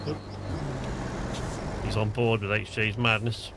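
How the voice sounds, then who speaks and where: A man's voice: fairly low pitch, little pitch movement, takes it slowly. A man hosting a co-op game livestream, talking casually and rambling as he plays. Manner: chatty, rambling, thinks aloud. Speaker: livestream host. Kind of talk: casual gameplay commentary. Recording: noisy stream audio with game sounds.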